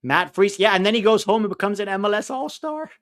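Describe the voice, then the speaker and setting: High-pitched, animated and fairly bright, this man's voice leads casual live-stream commentary as he co-hosts a soccer watch-along. He has a mixed accent that's hard to place and speaks bluntly, full of opinions and quick frustration.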